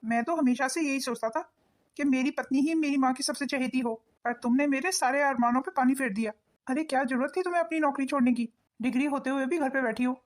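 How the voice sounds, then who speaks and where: A woman voicing a husband in a cartoon, talking in a quick, lecturing manner. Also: sits high, close to an everyday voice. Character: husband, a grown son of the family.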